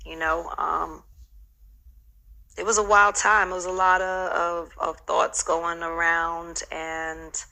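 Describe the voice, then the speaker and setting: A woman's voice: lowish voice, level tone, slow, gravelly, sharp tone, poor audio. A middle-aged woman recounting memories as an interview guest, reflective and full of "you know" fillers. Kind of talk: casual storytelling interview.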